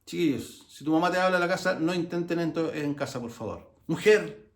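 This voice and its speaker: A man's voice: a little high, fast, echoey room. A man with a Chilean accent giving a conversational sermon, telling the story with humor, many restarts and side remarks. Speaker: preacher.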